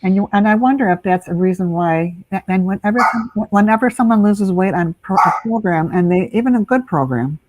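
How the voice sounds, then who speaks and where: A woman's voice: mid-range voice, expressive, a little fast, few pauses, noisy background. A woman guest on a live video call who talks about health in a chatty way, with frequent restarts. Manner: chatty, restarts, laughs easily. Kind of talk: casual live video chat.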